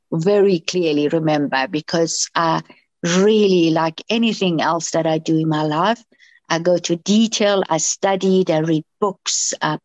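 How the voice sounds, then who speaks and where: A woman's voice: on the low side, dry recording. A middle-aged woman from Iran, a doctor and interview guest, who answers with many fillers and restarts.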